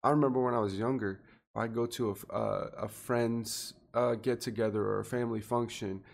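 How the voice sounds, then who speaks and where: A man's voice: medium pitch, steady tone, fairly quick, creaky. A man in his twenties, a podcast guest, talking earnestly and reflectively in casual chat. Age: 20s. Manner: earnest and reflective, thinking aloud.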